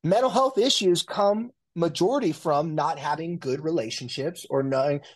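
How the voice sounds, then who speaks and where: Speaking at an ordinary pace with a somewhat high voice, a male family and marriage therapist in his forties answers a casual interview loosely. Fillers and restarts come often.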